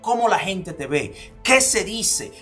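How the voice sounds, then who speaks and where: A man's voice: high-pitched, big pitch swings, slow, sharp tone, soft background music. A man from the Dominican Republic with a Dominican accent, giving a motivational talk. He fires off repeated rhetorical questions and drops to near-whispers for emphasis. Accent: Dominican Spanish. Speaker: motivational speaker.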